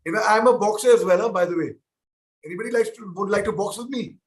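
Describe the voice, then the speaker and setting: A man's voice: high voice, fast, a little hiss or hum. A man, a guest answering children's questions on a webinar call, playful and teasing as he talks straight to the kids. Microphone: video call.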